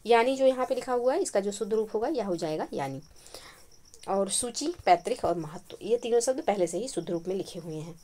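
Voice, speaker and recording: A woman takes listeners through exam questions one by one in a calm, explanatory lesson. She repeats each correct answer for emphasis. Crickets chirp faintly outside her home at night. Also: medium pitch, a little fast, slight background noise. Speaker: Hindi exam-prep teacher. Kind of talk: spoken quiz lesson.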